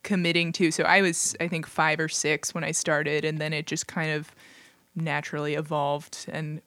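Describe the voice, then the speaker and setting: A woman violinist guest, answering in a relaxed, thoughtful way. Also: low voice, normal speed, no echo.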